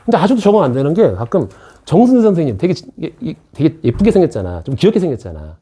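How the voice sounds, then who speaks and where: Speaking fast in a mellow, sing-song voice with a breathy edge, this man pitches himself on the high side. He's a middle-aged academy math teacher whose casual lecture is peppered with jokes and friendly asides to students.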